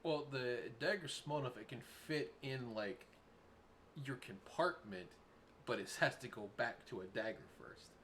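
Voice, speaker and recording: A man's voice: mid-range voice, expressive, unhurried, sharp tone. Male game master, informal tabletop narration, slight background noise.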